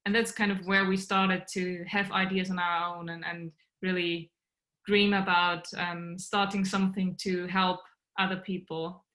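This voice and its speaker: Speaking from her small bedroom, this young adult co-founder of a startup, originally from Austria with German as her first language, earnestly describes her work for a podcast interview over video call. Her pitch sits fairly low, and her delivery is flat, a little slow, and sharp in tone.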